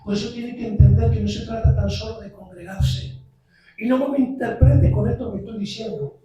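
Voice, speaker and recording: A visiting preacher, a man, giving an impassioned sermon that builds to shouts. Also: high voice, fairly even intonation, moderate pace, distant mic, highs cut off, music in the background. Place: church sanctuary. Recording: very echoey church, heard from afar.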